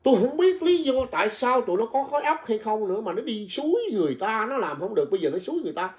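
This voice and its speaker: A man's voice: high-pitched, sing-song, quick pace. A man ranting on a livestream, coarse and insulting, repeating himself as he heaps scorn on his targets. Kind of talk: heated livestream rant.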